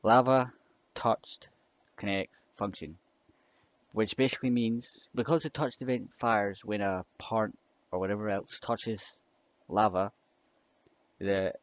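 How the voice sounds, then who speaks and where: Young guy walking through code slowly, lowish voice, lots of ums and restarts, muffled lo-fi mic with typing clicks. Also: steady tone. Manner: hesitant, rambling with many fillers and restarts. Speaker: scripting tutor. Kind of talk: casual screen-recorded coding tutorial. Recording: dull lo-fi mic with keyboard clicks. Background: typing and mouse clicks.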